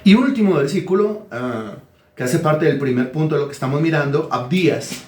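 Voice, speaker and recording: Spanish-speaking pastor preaching in an echoey hall. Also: male voice, a little high, lively intonation, a little fast, a little mellow, a little hiss or hum. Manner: asks the congregation questions and dictates words to write. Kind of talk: sermon teaching.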